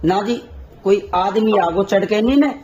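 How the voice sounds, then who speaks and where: A caller in a heated, recorded phone conversation about local politics keeps pressing his point and repeating himself. He is high-pitched with a darkish, breathy-edged tone and a measured pace.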